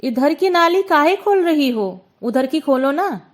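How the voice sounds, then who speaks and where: A woman's voice: high-pitched, expressive, a little slow, voice pushed up. A woman voicing a poor young woman who pleads and cries out in a raised, tearful voice. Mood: pleading.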